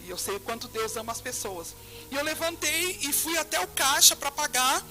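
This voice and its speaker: A woman's voice: high-pitched, moderate pace, soft background music. A woman pastor with a Brazilian accent, telling her faith testimony in an interview and acting out the dialogue. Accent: Brazilian Portuguese. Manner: animated storytelling, acting out dialogue with God. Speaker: pastor and guest.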